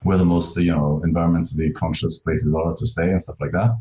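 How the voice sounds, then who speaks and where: A man's voice: a bass voice, little pitch movement, quick pace, dark tone, echoey room, low-quality recording. A man guest speaking on a call, talking loosely with lots of "like" and "you know" fillers. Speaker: cave explorer and guest. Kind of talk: casual interview on a call.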